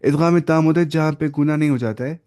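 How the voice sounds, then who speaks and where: A man teaching the rules of Quran recitation in a casual lesson, often slipping in English terms and modelling examples slowly. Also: on the high side, warm tone. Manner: explains, then models slow drawn-out recitation; mixes English terms into explanations.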